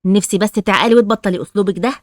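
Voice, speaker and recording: A caring old Egyptian grandmother who scolds and advises in a fast stream of words, as a woman puts her on. The voice sits in a middle range and is recorded close and dry, with no room sound. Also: mid-range voice, darkish tone, dry recording, close to an everyday voice. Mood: scolding. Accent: Egyptian Arabic. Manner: fast, lecturing. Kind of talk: Roblox family drama voice acting.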